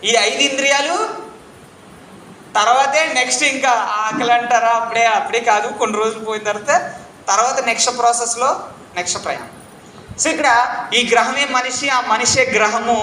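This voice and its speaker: A man giving an interactive spiritual lecture to a live audience, quizzing them and pressing them to answer loudly, repeating key points like a chant. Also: extremely high pitch, fairly quick, pauses often, a little hiss or hum. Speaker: spiritual teacher. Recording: echoey room.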